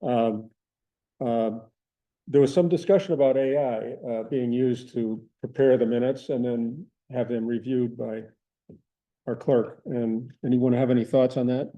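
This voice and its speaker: A man's voice: medium pitch, fairly even intonation, a little slow, dull audio. A man chairing a small-town board meeting, leading the discussion in a casual, agreeable way.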